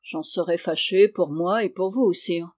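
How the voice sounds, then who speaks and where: A reader voicing a calm, menacing iron knight. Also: medium pitch, natural voice. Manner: calm, measured, quietly threatening. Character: armored knight count, calm, menacing, arrogant. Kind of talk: audiobook character reading.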